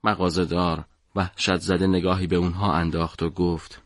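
A man narrating a story for an audiobook in a measured, dramatic way. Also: low-pitched, flat delivery, dry recording, clean studio sound.

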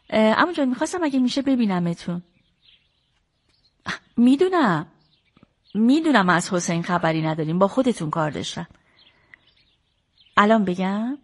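A woman's voice: medium pitch, lightly acted. An actress playing a young woman athlete who pleads with her uncle and argues with her mother in a radio drama. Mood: pleading. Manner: pleading and defensive.

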